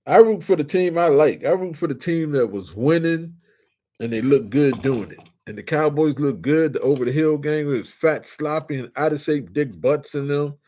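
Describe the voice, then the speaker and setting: Excitable older man from D.C. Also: on the high side. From Washington, D.C. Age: 60s. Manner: animated, shouts with excitement, drawls and stretches words. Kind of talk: casual storytelling monologue.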